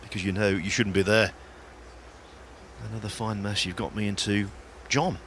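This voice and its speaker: A man giving live snooker commentary in measured, wry phrases. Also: fairly low pitch, fairly even intonation, fairly bright tone. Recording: faint noise, audience sounds behind. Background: snooker hall crowd.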